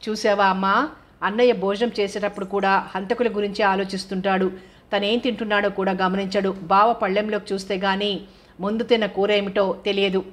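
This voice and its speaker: A cheeky young woman needles her cousin in a storybook reading, as a woman narrator gives her voice. Her mid-pitched voice stays even and flat. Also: a little fast, lightly acted. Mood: teasing. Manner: teasing, cheeky. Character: playful teasing young woman.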